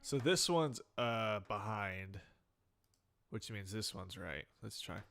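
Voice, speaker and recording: A man's voice: fairly low pitch, expressive, slow pace, vocal fry, music in the background. A man chatting casually to himself while editing a video, muttering and swearing a little when things go wrong. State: hiccups. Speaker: video creator. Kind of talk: casual live editing chat.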